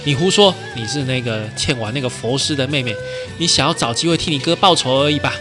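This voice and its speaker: A man playing a rough, hot-tempered male bandit in a storytelling podcast. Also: mid-range voice, quick pace, music in the background, lightly acted. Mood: furious.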